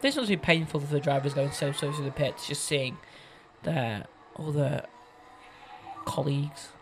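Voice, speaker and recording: A man with a fairly high-pitched voice co-commentates on motorsport. His style is casual and amateur, like chatting through the race with a partner. Faint noise sits on the recording. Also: a little slow.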